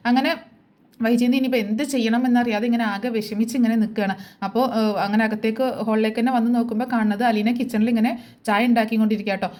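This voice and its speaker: A woman's voice: fairly high pitch, darkish tone. A woman retelling the next episode of a TV serial in a chatty storytelling way, with frequent asides to her listeners. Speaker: serial review narrator.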